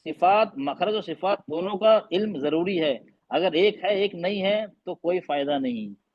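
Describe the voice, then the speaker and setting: A man's voice: high voice, dry recording. A man teaching an online recitation class on a video call, sounding out letters again and again and quizzing his students. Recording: dull lo-fi online call audio.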